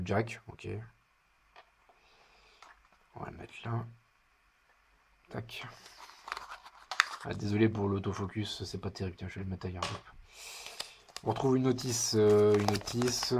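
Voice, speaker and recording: A product reviewer gives casual unboxing commentary in his living room, sounding chatty and hesitant with wry asides. His voice is on the low side and a little mellow, with a bit of hiss or hum in the audio.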